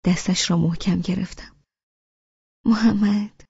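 A woman reading a novel aloud in a soft, hushed first-person narration. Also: lowish voice, fairly even intonation, slightly rough, no room sound. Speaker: audiobook narrator. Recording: dull, dry studio audiobook.

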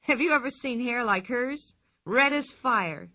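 A woman's voice: fairly high pitch, lively intonation, measured pace, pushed and bright, exaggerated voice. A woman voicing a cocky young bully in a storybook reading, swaggering and mocking. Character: cocky bullying boy, gang leader.

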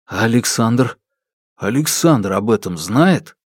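A man reading an audiobook, voicing a shaken young man who speaks in a subdued, halting way. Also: mid-range voice, lively intonation, slightly rough, no echo, clean studio sound.

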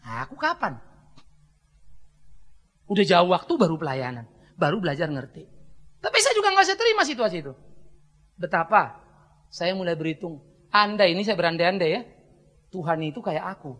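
Animated, blunt middle-aged man preaching. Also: high voice, normal speed, long pauses. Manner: blunt, joking preacher swinging between soft asides and loud scolding. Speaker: pastor. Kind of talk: sermon.

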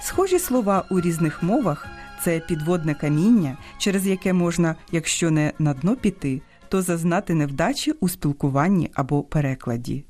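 A woman's voice: on the low side, normal speed, hardly any pauses, soft background music. A woman with a Ukrainian accent hosting a scripted radio talk on language, teaching in a didactic way and stressing her examples. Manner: didactic, lively intonation with emphatic examples. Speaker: radio host.

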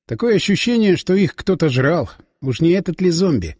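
A man reading first-person audiobook narration with lively storytelling delivery. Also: sits high, normal speed, husky, dry recording, studio quality, long reverb tail.

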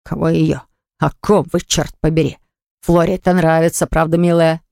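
A woman voicing a gruff, rude middle-aged male baker who blusters and snaps. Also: sits low, flat delivery, normal speed, warm tone, no echo, clean studio sound. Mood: blustering. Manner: surly, blustering.

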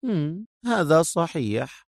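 A man's voice: sits high, lively intonation, vocal fry, a little mellow, no room sound, clean studio sound, voice pushed up. A man voicing a smug, mocking young woman captive who speaks sarcastically and drags out her words. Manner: sarcastic, teasing, drawn-out.

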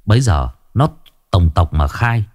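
A man narrating a ghost story with a lively storytelling delivery. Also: low voice, a little slow, no echo, studio quality.

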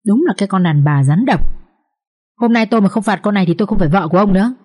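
A woman's voice: medium pitch, lively intonation, racing, a little mellow, close to an everyday voice. A woman voicing the harsh, domineering matriarch of a wealthy family in a storybook reading, scolding and threatening her daughter-in-law in an imperious tone. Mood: stern.

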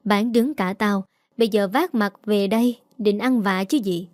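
A woman's voice: medium pitch, unhurried, a little mellow, dry recording, studio quality, natural voice. A woman voicing a bitter, harsh older mother-in-law who curses and scolds. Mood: scornful. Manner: scolding, cursing.

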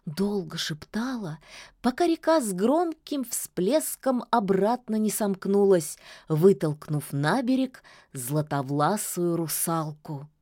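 A woman narrating a fairy tale in a calm, folksy storytelling manner. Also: mid-range voice, slow pace, dry recording, studio quality.

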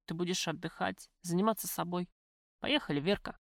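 In this audiobook the figure is a jealous young man, as a woman reader puts him on. He pleads softly and lowers his voice. The sound is dry and close. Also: brisk, creaky, no room sound. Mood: coaxing. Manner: quiet pleading, bursts of shouting. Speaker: lawyer.

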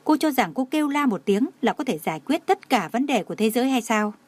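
A woman's voice: fairly high pitch, expressive, fast, darkish tone. A woman voicing a cold, domineering young male executive in an audio novel, curt and harsh. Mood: cold anger.

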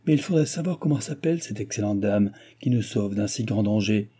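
A man's voice: fairly low pitch, animated, fairly quick, dark tone, breathy edge. A man voicing a sly, mocking old male nobleman at court, teasing and ironic.

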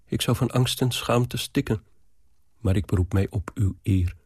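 A man reading aloud as a lovesick, anxious young woman, in a low, earnest, pleading tone. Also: a little slow, a little mellow, slightly rough, no echo, studio quality.

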